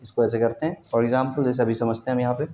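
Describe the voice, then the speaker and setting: A man gives a classroom lecture on English grammar beside a board, repeatedly drilling students with questions. His voice is mid-range, steady, fast, and warm, with slight background noise in a roomy, dull classroom recording.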